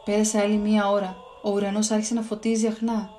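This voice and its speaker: A woman reading a Bible story aloud for children in a clear, expressive storytelling voice. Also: medium pitch, soft background music.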